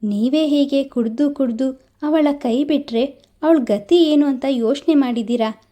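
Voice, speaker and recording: A woman's voice: sits high, measured pace, dark tone. A woman voicing a kind, caring village woman who talks earnestly like an elder sister in a storybook reading.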